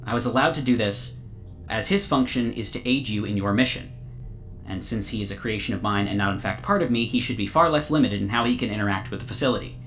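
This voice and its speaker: A man voicing a small, glowing male AI construct that speaks in a calm, formal, overly literal way. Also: on the low side, fast, faint music behind, natural voice. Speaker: game master. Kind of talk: tabletop game role-play.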